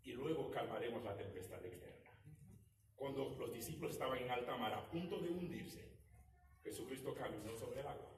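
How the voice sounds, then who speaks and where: A man preaching a sermon as pastor, dropping to quiet low passages and then rising to loud exclamations, sometimes mocking complaints in a put-on voice. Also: expressive, a little fast. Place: church sanctuary. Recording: very echoey church hall, mic far off, faint noise.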